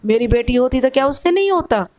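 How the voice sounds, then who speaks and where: A woman's voice: high-pitched, lively intonation, fast talker, a little mellow. A woman voicing a kind, patient older mother-in-law who speaks in a soothing, reassuring way. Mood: coaxing.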